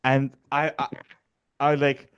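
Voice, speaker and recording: Young man from Egypt, podcast co-host; smooth voice, blunt crude comic rants. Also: medium pitch, completely flat delivery, slow pace, fairly bright tone, lo-fi sound. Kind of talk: casual comedy podcast chat.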